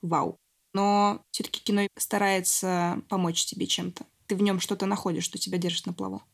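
A woman hosting an interview, introducing guests and asking measured, explanatory questions. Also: fairly low pitch, level tone, creaky. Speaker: podcast host.

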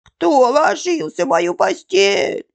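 A woman's voice: high-pitched, big pitch swings, slow, creaky, pitched above the performer's own voice, full character voice. A woman voicing a tiny bear cub boy in a storybook, with a thin, squealing voice. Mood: whiny.

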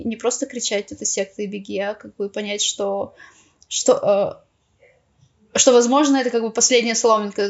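A young woman, a podcast guest, telling personal stories casually and a bit haltingly on a slightly dull recording. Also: medium pitch. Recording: slightly dull, muffled sound.

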